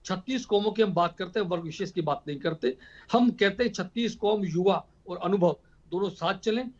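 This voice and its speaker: A man arguing as a party spokesperson in a heated TV debate, forceful and repetitive. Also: sits high, dull audio. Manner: forceful, repetitive rhetorical speech.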